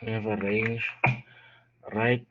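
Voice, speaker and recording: A man's voice: lowish voice, slow. A man tutoring a live coding lesson while unwell, yawning, thinking aloud as he types, stumbling and restarting. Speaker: programming tutor. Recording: dull lo-fi audio with steady noise.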